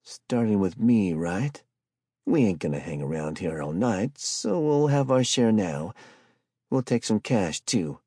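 A man's voice: on the low side, animated, a little slow, breathy edge, dry recording, clean studio sound, pitched above the performer's own voice. A man voicing a menacing adult street hustler who bullies and robs, in swaggering slangy speech, for a spoken story. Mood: greedy. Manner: swaggering slangy street talk, pushy and loud.

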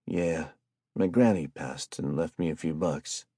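A man voicing a gentle, grieving homeless man who speaks softly and guardedly in a spoken story. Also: a bass voice, a little slow, husky, no echo, studio quality, heavily acted. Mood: wary. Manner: soft, guarded and plain-spoken.

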